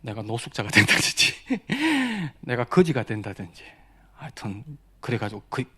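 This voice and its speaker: A middle-aged man preaching a personal testimony, swinging from quiet murmurs to loud exclamations with frequent laughter. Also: medium pitch, wildly swooping pitch, normal speed, breathy edge. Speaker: missionary preacher. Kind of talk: sermon testimony.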